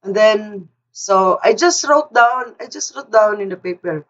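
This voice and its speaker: A woman's voice: medium pitch, animated, measured pace, a bit bright. An older woman casually telling a personal story, often repeating words and restarting her sentences. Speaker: speaker sharing a personal story. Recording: distant mic, dull lo-fi sound.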